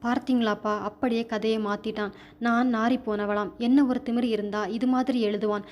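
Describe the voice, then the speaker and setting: A woman's voice: a little high, fairly even intonation, moderate pace, darkish tone, close to an everyday voice. A woman voicing an indignant young woman about to be married, in a storybook reading. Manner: indignant, pleading. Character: shocked indignant young bride-to-be.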